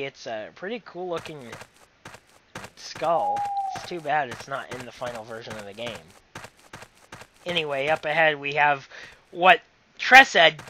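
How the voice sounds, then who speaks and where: Very bright, apologetic game commentator man. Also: on the high side, slight background noise. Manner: apologetic, rambling, corny humor. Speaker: gameplay commentator.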